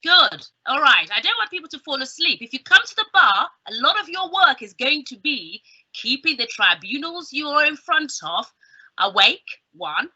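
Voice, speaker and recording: This middle-aged woman, with a southern English accent, sits high in pitch with big swings, and her voice is pushed and bright at a moderate pace. As a guest speaker she gives an informal careers talk that's chatty, emphatic and full of humorous asides. The video-call audio, from a small indoor room with bookshelves, sounds slightly dull.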